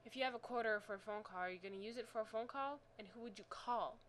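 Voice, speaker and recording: A woman's voice: a little high, fast, a little hiss or hum, rough recording. A woman talking casually about her own story, rambling and apologetic in a self-conscious way. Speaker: amateur storyteller. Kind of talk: casual chat to camera.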